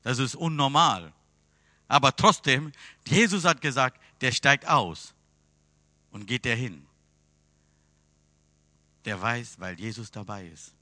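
A man preaching a sermon to a congregation in with broken grammar, earnest, swinging between loud urging and quiet pleading. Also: mid-range voice, expressive, slow, long pauses, no echo.

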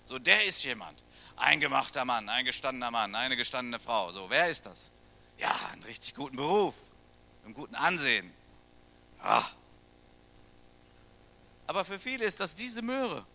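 A man's voice: mid-range voice, very animated, moderate pace, creaky, long pauses, sharp tone. A middle-aged man from Germany, a pastor preaching a sermon in a conversational way, often putting questions to his listeners. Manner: conversational, asks the congregation questions.

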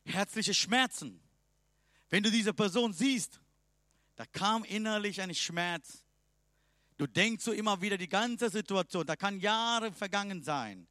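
A man preaching a sermon emphatically, swinging between loud and soft passages. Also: sits high, unhurried, no room sound, studio quality.

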